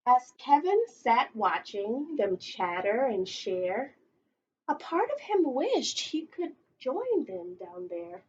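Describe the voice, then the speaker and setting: In a small playroom indoors, a young woman reads a picture book like a teacher, stretching words dramatically and posing questions to the kids. Her fairly high voice is very animated and slow with a breathy edge, and the recording sounds dull.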